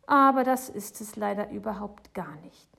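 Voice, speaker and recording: Female audiobook narrator, intimate hushed storytelling. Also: medium pitch, moderate pace, gravelly. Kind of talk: children's book narration.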